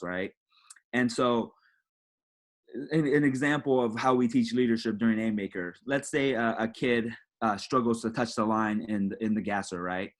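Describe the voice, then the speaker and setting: A football coach with a lowish voice walks fellow coaches through his program in an easy, conversational way. He keeps checking in with "right?" and leans on "again" as he moves from point to point. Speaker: high school football coach. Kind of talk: clinic presentation to coaches.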